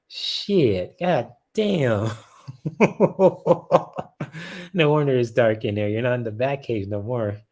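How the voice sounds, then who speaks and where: A man's voice: medium pitch, measured pace, hardly any pauses, a little mellow. A man hosting a casual tarot live stream, chatting with viewers, laughing often and swearing loosely.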